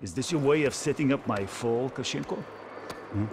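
A man's voice: mid-range voice, normal speed, a little mellow, lightly acted. A man playing a haughty, indignant Soviet general in a video game. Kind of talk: video game drama acting. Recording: noisy game ambience behind.

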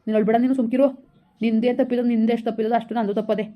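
A woman playing a gentle young village husband who keeps coaxing his pregnant wife. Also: a little high, little pitch movement, racing, highs cut off, close to an everyday voice. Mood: soothing. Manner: soothing, repetitive coaxing. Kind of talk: village skit acting.

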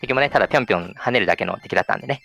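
Chatty male speedrun commentator: lively swinging pitch, gravelly low voice, faint game music underneath. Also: rapid-fire. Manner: chatty, lots of sentence-final "ne" tags.

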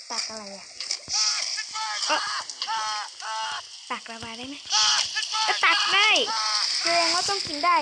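A female host of a game channel talks through her play in chatty, casual commentary, exclaiming at what happens on screen. She has a high voice, and there's heavy background noise.

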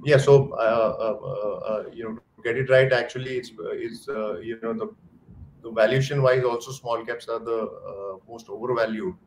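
A middle-aged man with an Indian English accent, hosting a video call and asking questions in a halting way full of fillers. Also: medium pitch, fairly even intonation, echoey room, a little hiss or hum, low-quality recording. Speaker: host. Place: indoor room.

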